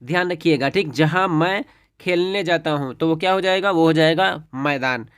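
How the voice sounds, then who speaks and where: Male teacher, exam-prep lesson, slightly high pitch, dry close sound, methodical explanations. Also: normal speed, a bit bright, smooth, dry recording. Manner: explains step by step, often says "ठीक है".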